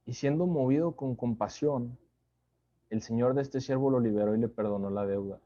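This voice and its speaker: A man giving a conversational Bible study sermon, unhurried, often checking in with listeners through tag questions. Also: mid-range voice, dark tone, lo-fi sound.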